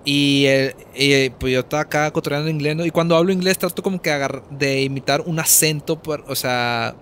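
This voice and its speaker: A man's voice: a little high, a little fast, a bit bright, slight background noise. A young Mexican man with a Mexican Spanish accent, chatting casually over a game, swearing and laughing a lot. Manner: slangy, swears freely, laughs often. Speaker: gameplay streamer. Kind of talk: casual let's-play commentary.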